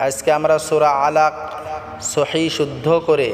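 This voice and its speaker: A man teaching correct Quran recitation, alternating slow melodic chanting with brisk spoken pointers on pronunciation. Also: on the high side, little pitch movement, a little hiss or hum. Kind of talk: tajweed lesson with chanted recitation. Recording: echoey reverb with faint music.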